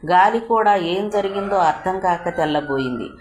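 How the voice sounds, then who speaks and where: A woman narrating a novel aloud with steady, expressive storytelling. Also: on the low side, normal speed. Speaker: audiobook narrator. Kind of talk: novel reading. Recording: echoey room with faint noise.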